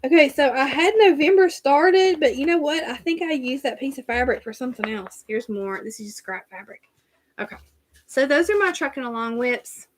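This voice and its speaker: A woman's voice: high voice, expressive, moderate pace, slight background noise. A woman with a Southern US accent, chatting casually on a live stream and reading out viewer comments as she goes. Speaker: cross-stitch channel host.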